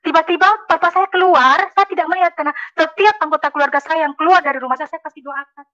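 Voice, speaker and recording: A woman's voice: very high-pitched, fast, a bit bright, highs cut off. A woman from Makassar giving a religious conversion testimony, telling her story emphatically and often calling out to the listeners. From Makassar, Indonesia. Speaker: testimony speaker.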